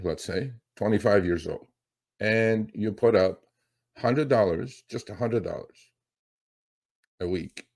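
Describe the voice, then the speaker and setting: Middle-aged male finance host, very low-pitched, loose rambling delivery full of fillers. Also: a little mellow. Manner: rambling, lots of fillers and restarts. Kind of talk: casual market commentary.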